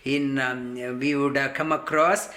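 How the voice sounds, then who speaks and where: A man's voice: mid-range voice, fairly even intonation, a little slow, sharp tone, roomy sound. A man teaching scripture, reciting Sanskrit verses line by line and then explaining them with many fillers and restarts. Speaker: yoga teacher.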